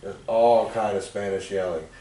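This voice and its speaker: A man hosting a casual podcast, telling stories with loud acted-out quotes and casual swearing. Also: fairly low pitch, moderate pace. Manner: animated storyteller, acts out quotes loudly, swears casually. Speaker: podcast host. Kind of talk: casual chat, storytelling. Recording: echoey room, far from mic.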